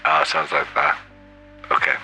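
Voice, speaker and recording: A man streaming live, talking loudly and swearing through a voice changer filter. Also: rumbling low, flat delivery, moderate pace, over music. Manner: loud, swearing, playful. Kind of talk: casual stream chatter.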